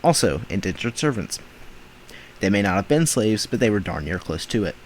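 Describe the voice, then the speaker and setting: A man's voice: fairly low pitch, big pitch swings, normal speed, slight background noise, poor audio. A man hosting a reaction video, talking back at clips in indignant, emphatic rants. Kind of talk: reaction commentary.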